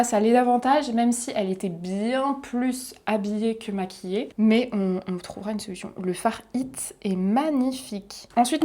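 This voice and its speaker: A young woman talks through a makeup unboxing in a casual, chatty way. She sounds excited and keeps dropping in little giggly asides as she goes. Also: fairly high pitch. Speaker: beauty vlogger.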